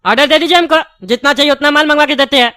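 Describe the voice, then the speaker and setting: Woman playing male cartoon shopkeeper, blunt and bantering, high bright voice, dry recording. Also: quick pace, no echo. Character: brash male sweet-shop owner, quick to argue.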